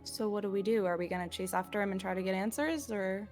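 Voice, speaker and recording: A woman's voice: medium pitch, fairly even intonation, fast talker, darkish tone, soft background music. A woman playing a tabletop role-playing game, talking casually in character and describing her character's actions. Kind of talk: casual in-character discussion and narration.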